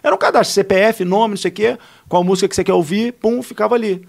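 Carioca guy rattling off stories fast, high-ish voice with gravel, loose and slangy. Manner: animated, slangy, laughing through anecdotes. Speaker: podcast guest. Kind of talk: casual storytelling.

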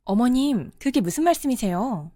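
A woman's voice: fairly high pitch, animated, normal speed, dark tone, no echo. A woman voicing a respectful yet insistent daughter-in-law and mother, in a cartoon drama. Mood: pleading. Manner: polite, respectful, growing insistent. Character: daughter-in-law, polite but firm mother. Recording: faint background music.

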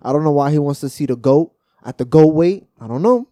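A man's voice: fairly high pitch, expressive, a little fast, mellow, no room sound. A young man co-hosting a podcast, talking in a loose, joking, trash-talking way. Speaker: podcast co-host. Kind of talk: casual chat.

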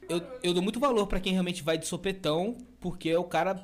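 A man hosting a podcast in casual conversation. He talks fast and jumps in with short, slangy reactions. His voice sits a bit high. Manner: quick reactive interjections, slangy. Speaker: podcast host.

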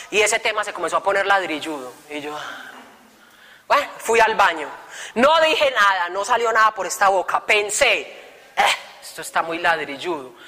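A young woman giving an animated, joking testimony talk to young people, full of colloquial asides. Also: a little high. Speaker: speaker giving testimony to youth. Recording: reverberant hall.

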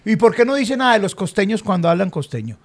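A young man with a Colombian paisa accent, co-hosting a casual chat, jokey and quick to chime in with slang. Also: high voice, big pitch swings. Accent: Colombian paisa Spanish. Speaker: podcast co-host.

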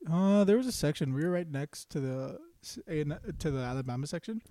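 A man's voice: a little high, expressive, brisk, warm tone, no echo. A young man co-hosting a podcast in laid-back casual chat, full of "yeah" and "like". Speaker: podcast co-host.

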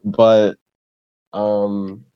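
Low-pitched guy rambling on a podcast, laughs at himself a lot, muffled dry mic. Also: monotone, very slow, smooth. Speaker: podcast guest streamer. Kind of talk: casual podcast chat.

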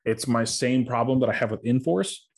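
A man's voice: mid-range voice, normal speed, vocal fry, darkish tone, breathy edge. A man hosting a podcast, chatting casually and rambling with lots of fillers, sounding tired. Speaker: podcast host.

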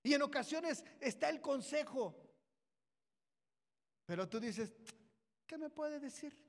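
A man preaching a sermon, retelling Bible stories in a storytelling manner and calling his listeners brothers. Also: high-pitched. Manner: storytelling, repeats "dice que", addresses listeners as brothers. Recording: long reverb of a hall.

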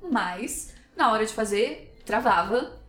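A Brazilian woman co-hosting a podcast, telling her story in a lively, chatty way full of fillers. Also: on the high side, slow pace. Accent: Brazilian Portuguese. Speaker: podcast co-host. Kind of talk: podcast conversation. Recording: roomy echo, faint music behind.

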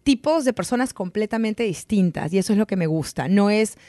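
A woman's voice: medium pitch, lively intonation, fairly quick, mellow, no room sound. A woman hosting a casual interview, chatty and affirming, laughing along with her guest. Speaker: host.

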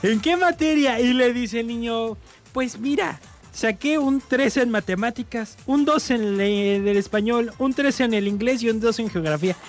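Very high-voiced radio host. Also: male voice, normal speed, soft background music. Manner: reads sponsor plugs, acts out voices in jokes. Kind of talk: radio joke segment.

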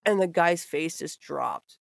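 A woman's voice: low voice, measured pace, gravelly, no room sound, studio quality. A young woman hosting a podcast, telling a wild anecdote with lots of swearing and laughter. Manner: profane, laughing, animated anecdotes. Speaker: podcast host. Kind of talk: casual storytelling chat.

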